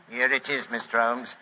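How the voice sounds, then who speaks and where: An actor playing a deferential, plodding police inspector with an English accent, speaking hesitantly in a 1940s radio drama. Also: male voice, medium pitch, unhurried, natural voice. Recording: noisy, dull 1940s radio recording.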